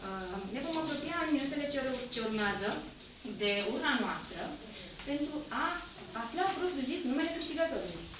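A woman's voice: high voice, animated. A woman in her thirties hosting a live raffle draw at a clinic, introducing guests and coaxing a small child to pick the winner, in a cheerful, upbeat way. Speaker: event host. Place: large clinic lobby indoors. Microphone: handheld mic filmed by a far camera. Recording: echoey room from far off, noisy.

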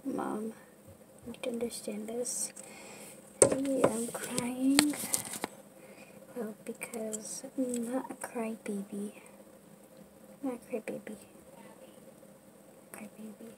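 A woman voicing a heartbroken teenage daughter who talks in a whiny, halting way, often half-whispered, in a homemade toy figure film. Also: on the high side. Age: teen. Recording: home recording with steady background noise.

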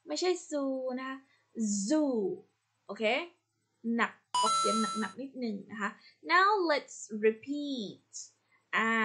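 A woman with a Thai accent teaching English to young children in a slow, patient online lesson, repeating each word for them to copy and praising them. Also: high-pitched, sharp tone. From Thailand. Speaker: primary school English teacher.

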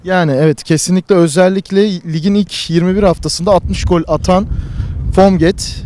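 A man's voice: high voice, fairly even intonation, moderate pace, darkish tone, slight background noise. A man hosting a football talk show, presenting and handing over to his guest. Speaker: sports show host.

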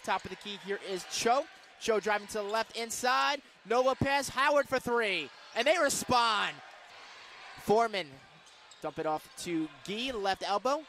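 Calling a college basketball game live on radio, a young man with a very high voice speaks in short, excitable phrases that can climb to shouting. He's courtside, surrounded by a roaring crowd, court noise, and the bounce of the ball.

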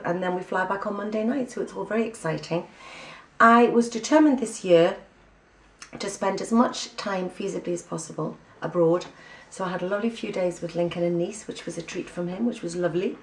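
English woman, casual vlog chat, lowish voice, roomy echo, mic set back. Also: a little fast, far from the mic. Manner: chatty and breezy, with many ums. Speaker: vlogger giving a personal catch-up.

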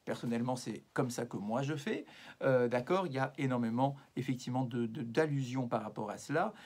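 A man's voice: mid-range voice, brisk, darkish tone, slightly rough. A rabbi teaching his evening lesson. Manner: explanatory, weaves Hebrew passages into French, frequent "euh" and "d'accord".

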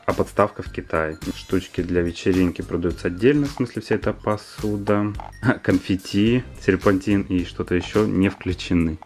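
A man giving casual unboxing commentary as a doll reviewer, with murmured asides as he examines things. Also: low voice.

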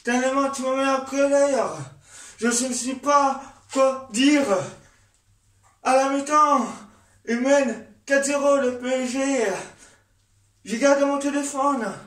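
High-voiced man venting in an echoey room. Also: steady tone, slow pace, fairly bright tone, distant mic. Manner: fed-up, repetitive venting with swearing. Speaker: vlogger. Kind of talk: angry football rant.

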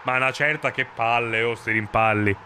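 Guy streaming a football game, emphatic commentary, mid pitched voice, game noise behind him. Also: steady tone, moderate pace, pushed and bright. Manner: emphatic, exclaiming, swearing. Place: indoor streaming room. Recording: clear background game noise. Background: football game stadium ambience.

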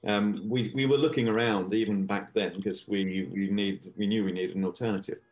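Male interviewee, lower voice, hesitant, video-call sound, light music under. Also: fairly even intonation, normal speed. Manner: hesitant, with fillers and restarts. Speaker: event director being interviewed. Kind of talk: interview answers.

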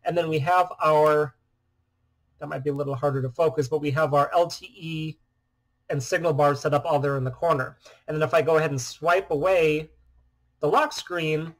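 Slightly high-voiced man explaining a phone. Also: normal speed. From US Midwest. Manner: steady explanatory talk. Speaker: phone repair shop owner. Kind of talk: product demo vlog. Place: small room indoors.

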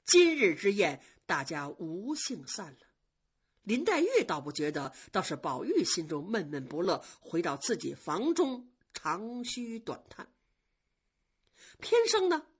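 A woman storyteller narrating a classic novel in traditional Chinese storytelling style, with an expressive, rhythmic delivery. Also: mid-range voice, husky.

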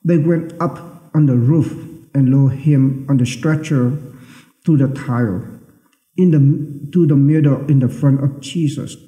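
Male priest, middle-aged, very mellow and dark, measured scripture reading in a cathedral echo. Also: medium pitch. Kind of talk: solemn Gospel reading at Mass. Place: small church sanctuary, at the lectern. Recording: echoey church with long reverb.

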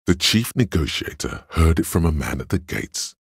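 Speaking within the player's mind in a video game, a man voices pure, cold logic with an extremely low, husky, gravelly tone and lively intonation, a full character performance. His condescending, analytical delivery is measured, deliberate, dry and superior. The sound is very dry, with no room around it.

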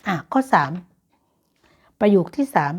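A Thai woman teaching Dutch grammar in a casual online lesson, explaining patiently and encouraging her students. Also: unhurried. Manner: encouraging and motivational.

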